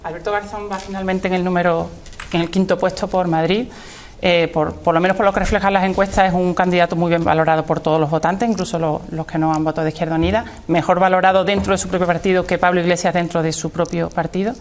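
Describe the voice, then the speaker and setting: Fast, even-toned female interviewer. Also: lowish voice. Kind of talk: political interview questioning.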